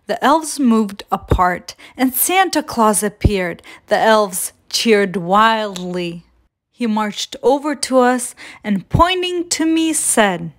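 A woman reading a children's picture book aloud as a storyteller, gentle and expressive. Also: mid-range voice.

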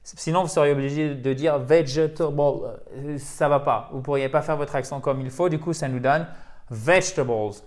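Man teaching English, slightly high voice. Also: fairly even intonation, brisk, few pauses, a little mellow. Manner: explains patiently, checks in with "ok?" often. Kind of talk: language lesson for French speakers.

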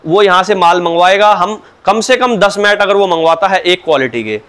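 A man's voice: high-pitched, normal speed, a bit bright. A man explaining his products in an interview, patient and salesman-like, starting his answers with a polite "sir, look". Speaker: cow mat dealer.

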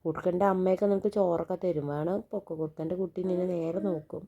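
Mellow-voiced woman at home talking softly to a little kid, coaxing, soothing, patient. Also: lowish voice, steady tone, quick pace, dull audio. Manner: gentle, coaxing, reassuring. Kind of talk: casual chat with a small child.

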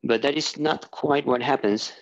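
Drawing at a whiteboard in a small room, a man teaches physics at a moderate pace, thinking aloud through fillers and restarts. His voice is medium in pitch, and the sound quality is lo-fi.

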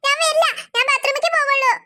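A woman's voice: extremely high pitch, steady tone, very fast, sharp tone. Woman voicing a stubborn little cartoon girl. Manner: insistent, refuses again and again. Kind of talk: cartoon voice acting.

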